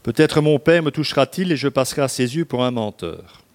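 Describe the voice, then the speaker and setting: A man's voice: mid-range voice, brisk, lightly acted. A man reading aloud the lines of a young son who deceives his father, in an earnest, slightly raised voice.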